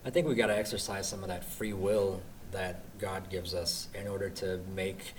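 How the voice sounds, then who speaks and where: A man's voice: low-pitched, steady tone, moderate pace. A young man in a casual, reflective group discussion, explaining his thinking earnestly and at length. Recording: distant mic, faint room noise.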